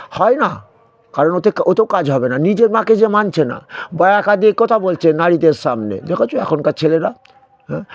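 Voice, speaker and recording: A man's voice: a little high, dry recording, dull audio. A man giving a devotional sermon, admonishing his listeners with repeated rhetorical questions. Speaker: preacher.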